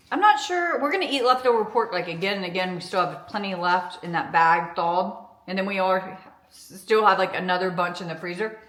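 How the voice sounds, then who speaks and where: A woman's voice: medium pitch, fairly bright tone. A woman chatting casually through her cooking vlog, thinking aloud as she makes and tastes dinner in her home kitchen. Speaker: food vlogger. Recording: echoey kitchen with sizzling food.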